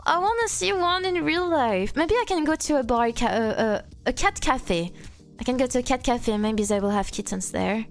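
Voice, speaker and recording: A young Frenchwoman in her 20s speaks English with a clear French accent, her high voice swooping around lively at a moderate pace. Chatting casually with a live-stream audience, she's playful, teases, reads chat messages aloud and laughs often, while soft music plays faintly underneath.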